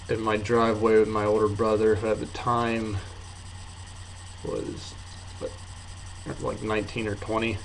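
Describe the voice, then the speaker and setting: An eighteen-year-old man giving a casual, rambling, offhand video review in a hesitant, low-key way, talking slightly muffled with a lip full of dip. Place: apartment bedroom. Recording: noisy room sound.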